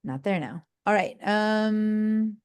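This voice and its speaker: A sleep-deprived woman teaching a live online design software class, talking in a loose, rambling way with many fillers and restarts. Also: medium pitch, lively intonation, slow pace, smooth.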